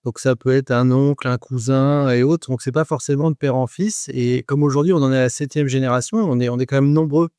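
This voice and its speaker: Man with a dark, mellow voice. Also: mid-range voice, steady tone, fairly quick, few pauses, clean tone, dry recording, clean studio sound. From France. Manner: hesitant, many fillers and restarts. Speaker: guest, rum producer. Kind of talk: podcast interview.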